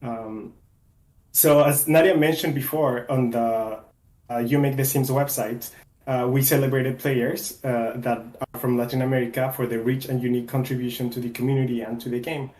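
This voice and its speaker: A man from Mexico, a game developer who talks enthusiastically and deliberately on a casual livestream. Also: mid-range voice, steady tone, darkish tone. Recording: roomy echo.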